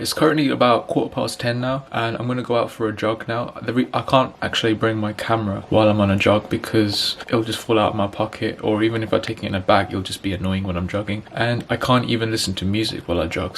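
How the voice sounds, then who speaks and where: A man's voice: lowish voice, a bit bright, slight background noise. A young man vlogging from his bedroom at home, talking casually and rambling as he explains what he is doing. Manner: chatty, rambling, explains as he goes. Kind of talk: casual vlog.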